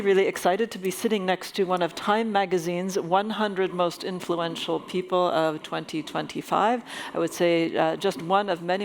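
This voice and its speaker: Female moderator, low gravelly voice, faint background noise, formal intros with many "uh"s. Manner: warm formal introductions with frequent fillers. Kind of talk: hosting a fireside chat.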